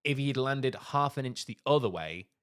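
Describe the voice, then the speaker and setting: A man co-hosting a podcast, retelling a life story in casual chat with animated asides. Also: mid-range voice, brisk, smooth. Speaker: podcast co-host.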